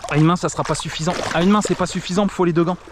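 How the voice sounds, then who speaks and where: A young man exclaims nonstop as he films himself from a kayak on a river, talking straight to his action camera and to the fish. His voice sits fairly high. Faint water noise runs under the outdoor recording. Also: racing. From France. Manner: excitable, exclaims constantly, talks to the camera and the fish. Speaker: kayak angler filming himself. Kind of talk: excited vlog commentary.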